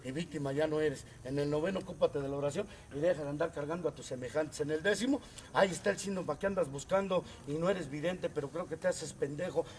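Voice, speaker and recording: Giving a funny, profanity-laced testimony at a recovery meeting, a man with a Mexican accent alternates between low muttering and loud, shouted rants. He speaks fast, with slight noise in the background.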